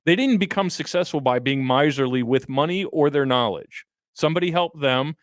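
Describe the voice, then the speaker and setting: A man's voice: a little high, normal speed, no room sound, clean studio sound. A man in his fifties, a financial advisor co-hosting a radio show, talking bluntly and joking with folksy analogies. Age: 50s. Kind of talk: casual radio talk.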